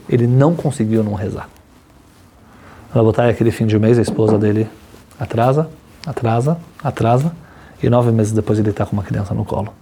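A man, a religious teacher, telling a story in an animated class, his voice climbing high when excited. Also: a little hiss or hum.

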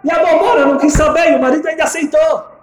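A man voicing a mocking businessman husband who shouts and jeers loudly, in an echoey room. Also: extremely high pitch, fairly even intonation, quick pace, voice pushed up. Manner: loud, mocking, shouting with laughter.

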